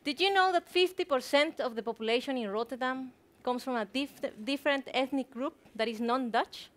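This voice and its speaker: A high-pitched, fairly bright female voice moves a little fast through a prepared talk. The speaker is a woman in her thirties from Guatemala, a native Spanish speaker with a Guatemalan accent, addressing a conference from a theatre stage via headset mic.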